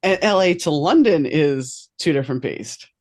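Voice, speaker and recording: A woman's voice: low-pitched, lively intonation, normal speed, a little mellow. Chatty woman host with rambling questions. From New Orleans. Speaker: podcast host. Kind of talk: casual interview chat.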